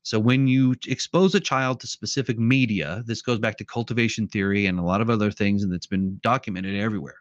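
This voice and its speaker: A man's voice: fairly low pitch, fairly quick, hardly any pauses, dry recording, lo-fi sound. A man in casual conversation, explaining at length and acting out quoted voices as he tells stories. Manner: animated storyteller who acts out quotes. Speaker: podcast guest.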